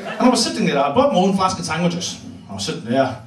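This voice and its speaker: A man with a Scottish Hebridean accent performing stand-up comedy with a profane, deadpan style of storytelling. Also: on the high side, fast. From Isle of Lewis, Scotland. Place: live comedy venue. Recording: echoey club room from far off.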